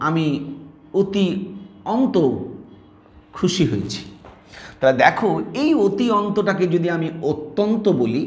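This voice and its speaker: Lively Bengali grammar teacher, echoey room. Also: male voice, on the high side. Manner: explanatory, asks students to repeat words aloud. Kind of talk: classroom video lesson.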